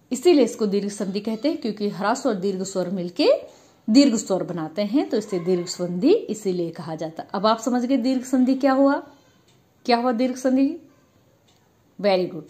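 A woman's voice: medium pitch, warm tone. A woman teacher giving a grammar lesson, patiently asking questions and answering them herself. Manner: addresses students as children.

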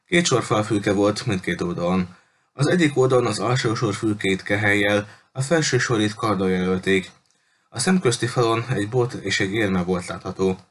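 A man with a lowish voice narrates a children's adventure book. His reading is calm and steady, with an easy, measured pace. It sounds like a plain home-recorded audiobook. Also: a little hiss or hum. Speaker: audiobook reader.

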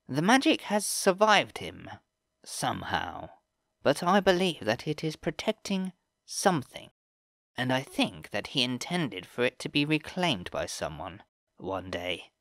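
A man voicing a wise, calm elder fae woman in an audiobook, speaking slowly in a measured, formal way. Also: mid-range voice, gravelly, no room sound, pitched above the performer's own voice, heavily acted. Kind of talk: audiobook character voice.

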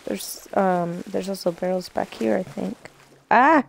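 A woman's voice: mid-range voice, unhurried, gravelly, slight background noise. A woman chatting casually and playfully with friends while playing a video game, full of exclamations. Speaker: player in a co-op video game session. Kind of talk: casual gameplay chat with friends.

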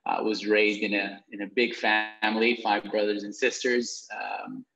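A man's voice: fairly low pitch, level tone, unhurried, gravelly, a bit bright, faint music behind. A man in his thirties from Guatemala, a guest entrepreneur telling his story on a video call, with many fillers and repeated words. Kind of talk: conversational storytelling. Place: indoor room with brick wall. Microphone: video call with earbuds. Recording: muffled lo-fi video call audio.

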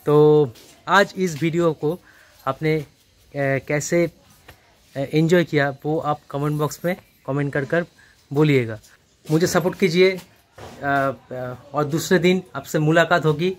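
A man's voice: on the high side, unhurried. A young man in his twenties, talking to viewers in a friendly way as he films on a phone held at arm's length, walking outdoors through a busy market. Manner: friendly, addresses viewers directly. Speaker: vlogger. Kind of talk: casual vlog narration.

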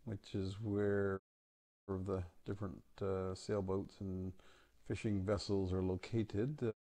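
A man giving a casual, halting voice-over for his holiday photos, with many ums and uhs. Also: sits low, level tone, dark tone. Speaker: travel vlog narrator.

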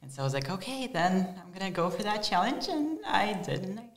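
A teenage exchange student from Ukraine, answering interview questions eagerly and articulately, often laughing, at a desk mic in a small studio. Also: male voice, high voice, sing-song, quick pace, creaky, fairly bright tone, reverberant. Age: teens. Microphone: desk mic with headphones.

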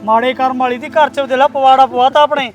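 A man's voice: very high-pitched, fairly even intonation, brisk, soft background music. A man playing a loyal brother who fussily consoles and coaxes his injured sibling. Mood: consoling. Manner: fussy, coaxing, keeps asking "hain?".

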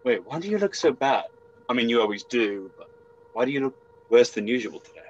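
A young man playing a brash, evasive, confused exile caught stealing, halting and excitable, in an amateur video game role-play drama. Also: medium pitch, lightly acted. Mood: cheeky. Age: young adult. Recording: muffled lo-fi home webcam audio.

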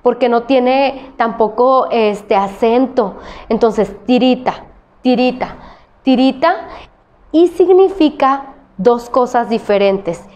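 A woman teaching a lesson to children, patient and slow, repeating key words. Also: a little high, a little mellow.

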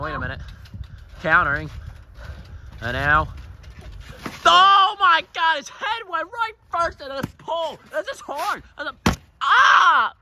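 A man giving excited, joking play-by-play commentary on a wrestling match and shouting out the count. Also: sits high, a little hiss or hum.

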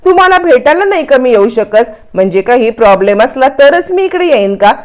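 A woman's voice: high voice, sing-song, fairly quick, a little mellow. A woman voicing a self-assured young wife who speaks insistently, in a retold serial story. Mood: firm. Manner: insistent, reassuring.

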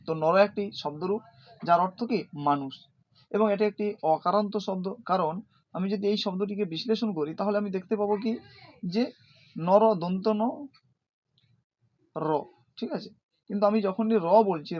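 A male teacher giving a recorded lesson, explaining slowly, asking and answering his own questions, and reciting word forms one by one with careful pronunciation. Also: high voice. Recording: dull lo-fi recording.

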